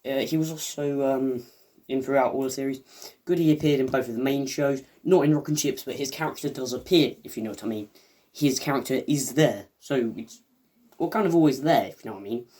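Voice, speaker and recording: A man's voice: mid-range voice, fairly quick, a little mellow. Rambling, hesitant man reviewing. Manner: rambling and hesitant, many fillers and restarts; eager fan, chatty asides to viewers. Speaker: video reviewer. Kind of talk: casual video review monologue.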